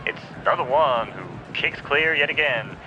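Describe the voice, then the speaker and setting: A man calling a virtual horse race live in a rapid, excited race-call delivery. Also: fairly high pitch. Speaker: race caller. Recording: dull lo-fi sound with clear background noise.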